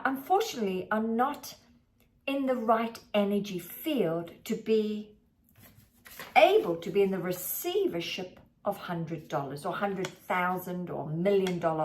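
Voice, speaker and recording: Slow, lively-voiced woman coach. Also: a little high. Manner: slow, emphatic, drawn-out phrasing. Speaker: money mindset coach. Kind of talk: motivational talk to camera. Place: filming herself on camera.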